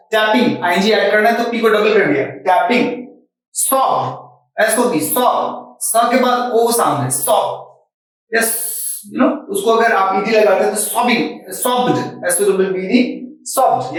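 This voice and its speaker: Man, teacher, lesson, spells out and repeats words, high-ish voice, very echoey room, off-mic. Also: recorded from a distance. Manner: repetitive, drills example words slowly and spells them out. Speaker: English grammar teacher. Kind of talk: classroom-style lesson explaining rules.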